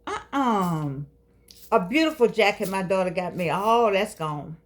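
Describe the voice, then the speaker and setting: Animated and a little slow, an older woman speaks at medium pitch as host of her own show. Her casual monologue, delivered from a home studio with a keyboard, is playful, preachy and coaxing, with phrases stretched out for effect.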